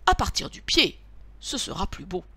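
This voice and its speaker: A woman's voice: mid-range voice, very animated, moderate pace, bright, forceful tone, breathy edge, no echo, exaggerated voice. A woman voicing a sleepy, good-natured father bear in a storybook. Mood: cheerful. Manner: drowsy yet cheerful.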